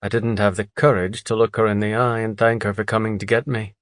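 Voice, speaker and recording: Steady male audiobook narrator. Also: fairly low pitch, fairly quick, dry recording, clean studio sound. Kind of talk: scripted narration.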